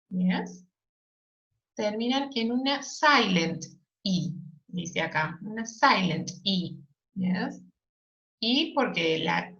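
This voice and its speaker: Slow, patient teacher woman. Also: medium pitch, a bit bright, muffled recording. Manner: slow, patient explaining, checking in with frequent "yes?" and "ok?". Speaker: English teacher. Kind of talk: recorded online lesson.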